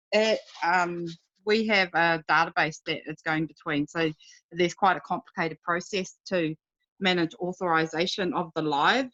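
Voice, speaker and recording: Woman on a dull video call. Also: lowish voice. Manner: brisk, explaining step by step. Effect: heard over a video call. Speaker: project lead in a work meeting. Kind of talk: casual work meeting.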